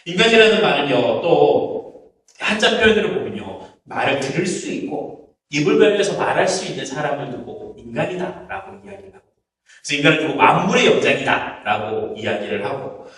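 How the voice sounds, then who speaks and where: Pastor with a very lively pitch in a roomy church. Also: male voice, brisk. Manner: storytelling, quotes people's curses in acted asides. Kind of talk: sermon. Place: church sanctuary. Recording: echoey church hall, mic at a distance.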